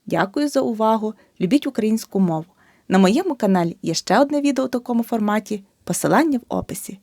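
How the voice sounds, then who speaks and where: A woman tutoring a language lesson online, who talks slowly and deliberately. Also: no echo, clean studio sound. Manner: slow and deliberate, with lively pitch. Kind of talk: spelling lesson.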